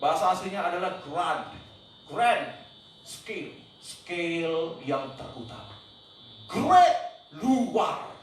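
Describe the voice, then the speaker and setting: A man preaching a sermon as pastor, emphatic, tossing in English words and sometimes shouting out quoted cries. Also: fairly high pitch, animated, takes it slowly. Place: church hall. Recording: very echoey church hall, mic at a distance, faint noise.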